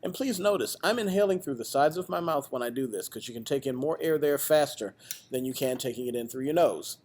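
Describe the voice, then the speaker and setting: A man's voice: mid-range voice, expressive, brisk, darkish tone. A man, a music teacher, giving a direct step-by-step trumpet lesson to students on video. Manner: patient, direct, counts aloud with students.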